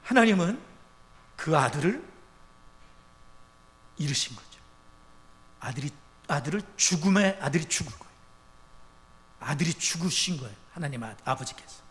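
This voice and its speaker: A male pastor preaching a sermon in a church, with emphatic loud rises and quiet drops. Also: fairly high pitch, big pitch swings, moderate pace, pauses often. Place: church sanctuary. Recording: church sanctuary with long reverb.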